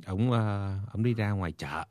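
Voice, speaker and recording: A man's voice: lowish voice, moderate pace, a little mellow, dry recording. A man, a lawyer guest on a radio talk show, telling stories with many hesitations. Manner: storytelling, many hesitations and fillers.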